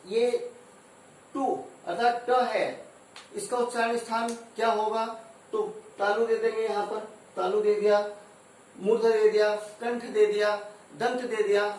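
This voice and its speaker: A man teaching a Hindi grammar lesson. He recites Sanskrit sutras and then explains each one step by step. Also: high voice. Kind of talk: classroom-style grammar lesson. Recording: very echoey room, voice from far off, faint background noise.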